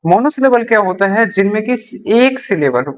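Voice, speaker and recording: A teacher with a mid-range voice teaches beginner English in Hindi, sounding animated and brisk. While writing examples on a board, they keep repeating key terms and answering their own questions.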